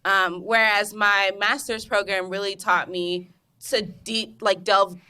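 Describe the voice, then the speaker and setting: Young woman, bright clear tone, emphatic, chatty interview guest. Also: medium pitch, slow. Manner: animated, emphatic, laughs often, many restarts. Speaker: guest, cosmetic chemist. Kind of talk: casual interview conversation.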